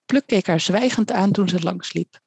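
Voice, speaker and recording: Woman reading a kids' story out loud, mid pitch, dry close sound. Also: moderate pace, vocal fry, husky, no room sound. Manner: lively character voices. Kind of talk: reading a children's story aloud.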